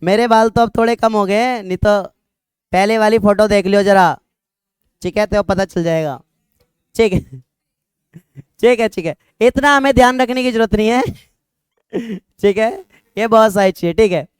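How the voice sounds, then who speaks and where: A young male teacher with a smooth, resonant voice talks a classroom through a lesson. He is conversational and repeats his checks again and again. He jokes with the students now and then. The sound is dry and close. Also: sits high, moderate pace, pauses often, no echo. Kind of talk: classroom lecture.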